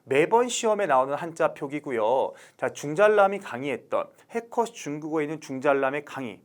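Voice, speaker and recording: A man's voice: on the high side, big pitch swings, fairly quick. A man teaching a Chinese exam lesson, who asks his students questions and answers them himself. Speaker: Chinese language exam instructor. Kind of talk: online exam lecture.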